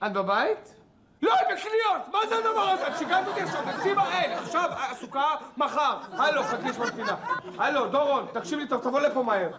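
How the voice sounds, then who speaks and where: An actor playing a flustered sitcom character who banters fast on the phone. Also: male voice, very high-pitched, animated, a crowd in the background. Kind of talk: sitcom acting.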